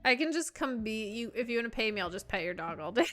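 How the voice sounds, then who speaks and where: Young female streamer, fairly high and bright, casual and giggly, doting on her pup at the mic. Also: sing-song, fast talker, faint music behind. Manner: laughs often, coos praise at her dog. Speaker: live streamer. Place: at home. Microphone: desk streaming mic.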